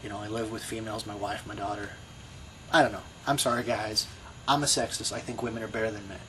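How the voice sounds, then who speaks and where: A man with a fairly low voice talks quickly in a fairly even tone, sounding pushed and bright over a little hiss or hum on poor audio. He's a middle-aged video blogger with a Brooklyn accent, rambling reflectively in a casual personal monologue full of you-knows and restarts.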